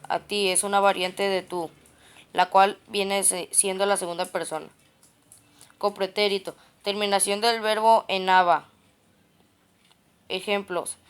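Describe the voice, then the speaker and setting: A woman's voice: mid-range voice, clear, resonant tone. A woman reading grammar study notes aloud, stepping through terms and definitions and often restarting words.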